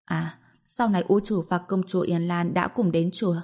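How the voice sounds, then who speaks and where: Old male servant, weary, dismissive, flat, low voice, woman voicing. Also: moderate pace. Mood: dry.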